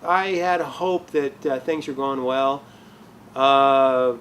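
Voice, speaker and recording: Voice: mid-range voice, takes it slowly, fairly bright tone, slight background noise. A person playing an office manager who leads a tour in a mockumentary comedy, talking hesitantly with many fillers and restarts.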